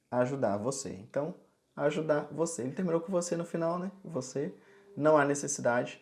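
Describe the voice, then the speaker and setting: A man's voice: medium pitch, darkish tone. A man from Brazil giving a casual sign language lesson, explaining step by step and often checking in with the viewer. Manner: chatty, explains step by step, frequent "tá bom?" check-ins.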